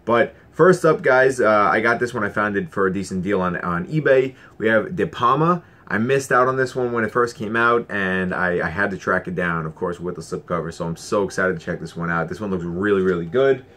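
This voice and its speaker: A man's voice: fairly low pitch, brisk, few pauses, fairly bright tone. A man casually vlogging about his Blu-ray collection, enthusiastic and rambling with fillers and restarts. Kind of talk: casual collection haul vlog.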